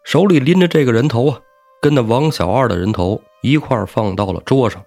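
A man hosting a storytelling show, narrating in a lively, colloquial way with asides to the listener. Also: medium pitch, fairly quick, gravelly, faint music behind. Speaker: storyteller host.

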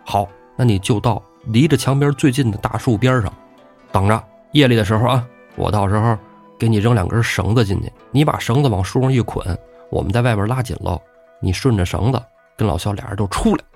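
A cool-headed young outlaw , as a storyteller plays him, talking low and steady. The voice sits deep, with soft music underneath. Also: male voice, a little fast, natural voice. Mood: planning. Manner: hushed, steady.

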